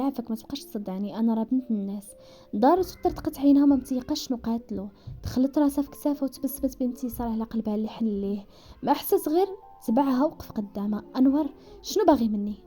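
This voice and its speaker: A woman's voice: sits high, faint music behind. A woman with a Moroccan Darija accent narrating a romance story at speed, voicing the characters' dialogue as she goes. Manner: rapid, animated reading that slips into characters' voices.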